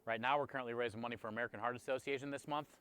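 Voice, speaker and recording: A man's voice: mid-range voice, steady tone, very fast, a bit bright, clear, resonant tone. A man chatting casually to livestream viewers as a chef and host, in a friendly, appreciative and conversational way. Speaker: food truck chef and streamer.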